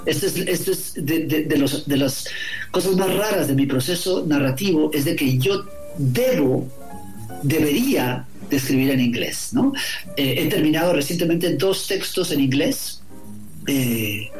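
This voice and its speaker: Unhurried and on the high side, his voice has lively intonation and a darkish tone, with soft background music and a roomy echo. He's a middle-aged author from Guatemala being interviewed, reflecting aloud and often repeating words as he seeks the right phrasing.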